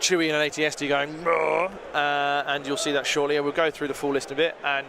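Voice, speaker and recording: A British stream commentator with a fairly high voice covers a live tabletop game tournament, chatting and rambling and often correcting himself. His delivery is flat and quick, and there's noise in the background.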